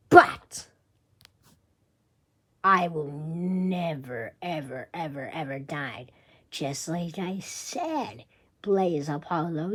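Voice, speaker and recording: A woman voicing a taunting male bear mastermind in a fan-made drama, with a husky, slow, mocking delivery. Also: sits low, exaggerated voice.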